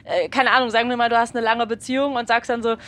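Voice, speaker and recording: A woman's voice: on the high side, flat delivery, fast talker, fairly bright tone. Talkative woman from Berlin hosting. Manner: talkative, chatty, lots of affirming "ja". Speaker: podcast host. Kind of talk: casual conversation. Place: on a train.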